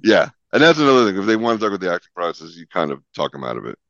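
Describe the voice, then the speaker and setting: A man who produces talk show segments, chatting casually and telling lively anecdotes with frequent laughter. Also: low-pitched, racing, no echo, highs cut off. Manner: animated, laughs often, acts out voices in anecdotes. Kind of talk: casual storytelling chat.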